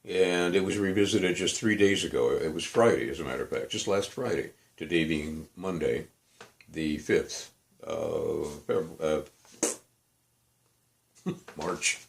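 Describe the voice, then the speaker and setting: A man's voice: rumbling low, unhurried, creaky, pauses often. An older man giving a rambling, emphatic complaint monologue for his video blog, often correcting himself mid-sentence. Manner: digressive, self-correcting, emphatic. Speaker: video blogger.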